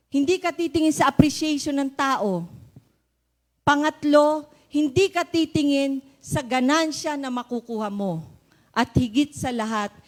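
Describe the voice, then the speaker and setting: Earnest woman giving a church testimony. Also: sits high. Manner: earnest, polite, addresses the congregation as brothers and sisters.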